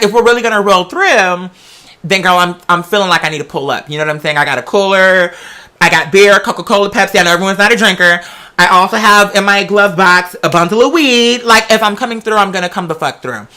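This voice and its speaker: An American video creator rambles casually through a chatty vlog monologue, digressing constantly in a sassy, campy, theatrical style packed with drag slang. The voice is mid-range, pushed and bright.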